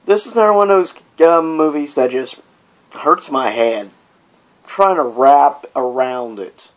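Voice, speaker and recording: Unhurried and expressive, with a slightly high voice, this vlog host offers casual, opinionated commentary on a top list. He talks informally, wanders into asides, and asks exasperated rhetorical questions. The audio quality is poor.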